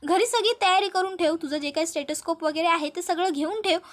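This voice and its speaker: A woman voicing a protective young man who gives firm, hurried instructions. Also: very high-pitched.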